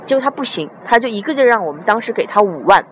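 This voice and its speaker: A young woman from China tells a story in casual speech. She is lively and acts out the voices of the people she quotes. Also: fairly high pitch, rapid-fire, slight background noise. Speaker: guest telling a story.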